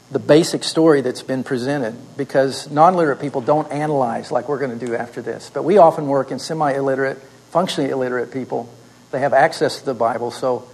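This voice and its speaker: A man's voice: medium pitch, vocal fry, husky, low-quality recording. A man teaching a class, leading students through a story step by step by asking questions and answering them himself. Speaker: instructor.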